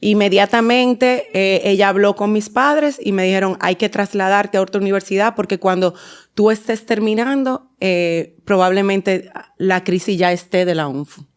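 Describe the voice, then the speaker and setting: Dominican woman, forties, podcast guest, clear smooth voice, mid pitch, chatty storytelling with restarts. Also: normal speed. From Dominican Republic. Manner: warm storytelling with many fillers and restarts. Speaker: guest, endodontist and dental teacher. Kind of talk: podcast interview.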